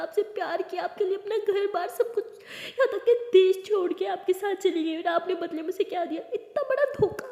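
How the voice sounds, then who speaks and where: A woman voicing a shrill, furious young woman. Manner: shouting, tearful outbursts. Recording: echoey room with long reverb.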